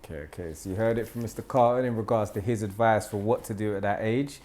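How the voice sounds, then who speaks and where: A man hosts a relaxed podcast conversation in a fairly low voice. He thinks out loud, sums up what his guest has said, and steers the talk toward the next question. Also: quick pace. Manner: relaxed, reflective, summarises guest's points. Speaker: podcast host. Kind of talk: casual podcast interview.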